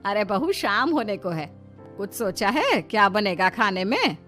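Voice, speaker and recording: A woman's voice: mid-range voice, big pitch swings, measured pace, a bit bright, soft background music. A woman voicing an older village mother-in-law in a cartoon story, wry, emphatic and given to teasing and admonishing. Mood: advising. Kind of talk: Hindi cartoon story character acting.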